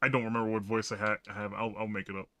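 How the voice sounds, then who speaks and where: Bright-voiced casual male game streamer. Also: lowish voice, level tone, quick pace. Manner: rambling and casual, with many fillers and swearing. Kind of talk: casual gaming stream commentary.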